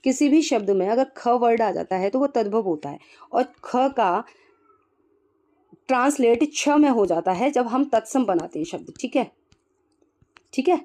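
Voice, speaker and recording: Woman tutor going thru exam answers, slightly high but mellow voice, keeps checking in. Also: animated. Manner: explains quickly, with frequent "ठीक है" check-ins; mixes English terms into explanations. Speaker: exam prep teacher. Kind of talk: solving exam questions aloud.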